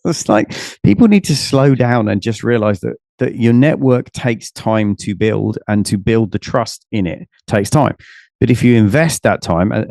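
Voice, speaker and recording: Enthusiastic man, animated coaching talk. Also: no echo. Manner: enthusiastic, animated, acts out quoted people with big pitch jumps. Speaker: business coach, podcast guest. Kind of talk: energetic conversational interview.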